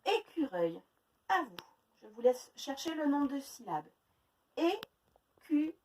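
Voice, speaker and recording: A high, very lively woman teacher from France leads young children through a phonics lesson. She talks slowly and stretches each word into exaggerated syllables. Her voice sits a little back from the mic, with faint noise behind it. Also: far from the mic, rough recording. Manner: slow, exaggerated syllable-by-syllable pronunciation.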